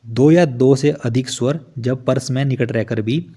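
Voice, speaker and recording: A man's voice: medium pitch, a little slow, warm tone, breathy edge. A man teaching an online exam-prep lesson, explaining step by step and repeating each definition after asking and answering his own questions. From Himachal Pradesh, India.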